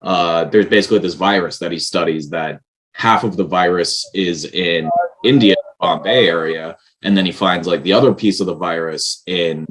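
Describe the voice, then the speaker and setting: A man with a very low voice talks as a guest in a casual interview. He explains his writing earnestly and at length, often restarting his sentences. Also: moderate pace, a bit bright, low-quality recording. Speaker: writer and director, guest.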